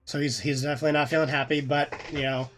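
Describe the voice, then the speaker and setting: A man running a tabletop game as dungeon master, his voice sitting a touch higher than most. He calls turns and explains rules in a patient, easygoing way over a voice-chat mic. Faint music plays under him. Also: little pitch movement, fast, fairly bright tone.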